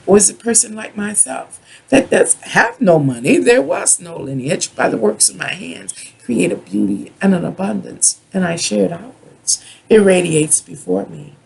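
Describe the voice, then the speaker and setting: A person from the United States giving a rambling, drunken tarot reading as a monologue, halting, drawing out words and repeating points in a raspy voice. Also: medium pitch, expressive, poor audio. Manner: self-described drunken ranting, halting with drawn-out words and repetition. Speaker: tarot and astrology reader.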